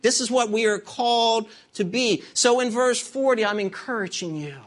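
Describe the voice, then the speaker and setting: A middle-aged man preaching a sermon as pastor, telling stories with humor and acting out voices. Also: high-pitched. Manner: animated storytelling with acted-out voices and humor.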